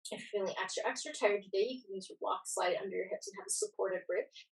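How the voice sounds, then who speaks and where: A woman's voice: medium pitch, fast, vocal fry, recorded from a distance, rough recording. A woman giving casual, reassuring yoga class instruction, guiding and encouraging as she goes.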